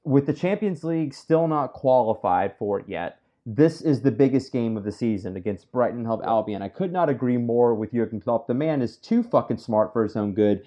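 Male host, middle-pitched, blunt and swearing, muffled podcast recording. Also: lively intonation, a little fast, hardly any pauses, mellow. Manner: blunt and emphatic, swears freely. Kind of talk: casual sports chat.

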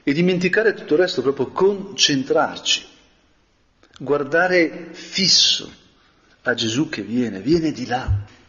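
A man giving a reflective spoken meditation as a preacher, talking slowly and thoughtfully with frequent pauses. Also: a little high, expressive, pushed and bright. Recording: dull, reverberant audio.

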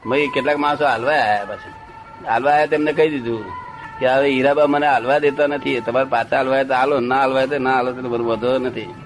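A man's voice: mid-range voice, fairly even intonation, fast, background noise. An older man telling a rambling anecdote in casual chat, often checking that his listener follows. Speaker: storyteller.

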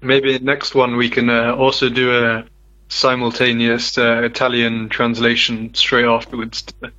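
A man's voice: mid-range voice, monotone, a little slow, pushed and bright, lo-fi sound. A man with a British accent hosting a pub quiz on a live radio show, hesitant and full of fillers. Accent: British English. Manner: hesitant, filler-heavy, laughs often. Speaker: guest quizmaster. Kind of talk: casual live radio chat.

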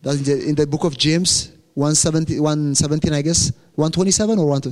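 A young guest speaker at a church, an Amharic speaker with an Ethiopian accent, gives an earnest testimony in plain, direct English, correcting himself and joking about his accent. His darkish voice sits a little high for a man, keeps a steady tone at a fairly quick pace, and rings with long reverb through a large hall.

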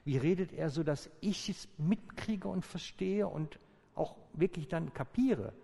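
A male pastor with a gravelly, mellow voice preaches in a calm, inviting way, slowing and pausing deliberately. His words ring out with a long reverb in a large church hall. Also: fairly high pitch. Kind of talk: sermon.

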